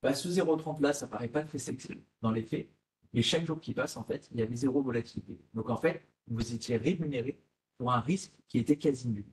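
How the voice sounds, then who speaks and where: A man's voice: medium pitch, a little fast, darkish tone. A man, an asset management guest, explaining investment strategy over slides in a conversational way, asking himself rhetorical questions. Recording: echoey room.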